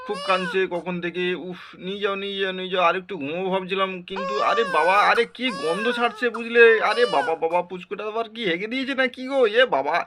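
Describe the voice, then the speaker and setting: Man voicing a grumbling doll father, fast and high-ish. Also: noisy background, close to an everyday voice. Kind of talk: doll play voice-over.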